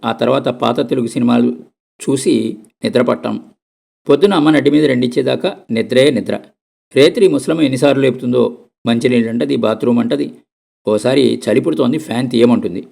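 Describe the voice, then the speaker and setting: Gravelly male storyteller. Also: mid-range voice. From Andhra Pradesh. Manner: steady, conversational narration. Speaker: narrator. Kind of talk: storybook reading.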